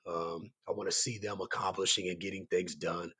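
A man with a raspy, hoarse voice, worn from yelling, giving earnest, rambling answers as a coach being interviewed. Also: low-pitched, level tone, moderate pace. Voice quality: raspy, strained voice. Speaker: high school basketball coach and site coordinator, guest.

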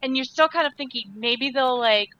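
A woman on a podcast giving an animated, giggly and dramatic account of watching a film. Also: high voice, normal speed, lo-fi sound. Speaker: podcast guest. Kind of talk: casual chat.

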